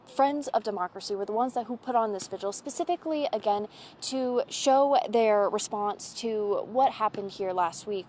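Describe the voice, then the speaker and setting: Female field reporter, live outdoor news stand-up, measured delivery, light background noise. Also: mid-range voice, a little mellow. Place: outdoors at an evening vigil.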